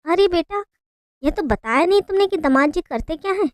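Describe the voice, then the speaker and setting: A weary, indifferent old father grumbling about his daughter, played by a woman narrator. The voice sits high and close, with a dry sound. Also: lively intonation, fairly quick, no echo.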